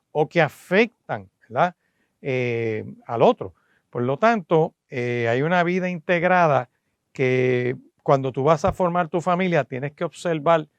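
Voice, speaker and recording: A man's voice: on the high side, gravelly, no room sound. A man, a pastor preaching on the radio, teaching earnestly and addressing listeners directly, with frequent "eh" fillers. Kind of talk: radio sermon.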